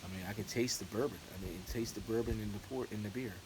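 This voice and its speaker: Speaking rapid-fire in a fairly low voice, a man chats casually with viewers in the rambling, repetitive, hesitant style of a home-brew vlogger. Noise and clicks run through the recording.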